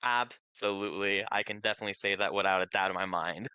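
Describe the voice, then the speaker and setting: A man's voice: lowish voice, quick pace, sharp tone, clear, resonant tone, no room sound. A man doing casual commentary on a video game tournament stream, upbeat and chatty. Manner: upbeat, hyping viewers. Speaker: esports commentator.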